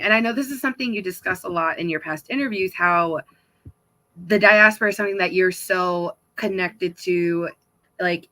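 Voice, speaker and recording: A woman's voice: medium pitch, pushed and bright, rough recording. A woman hosting a livestream book talk, asking casual, thoughtful questions and hedging with fillers. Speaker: interviewer, host.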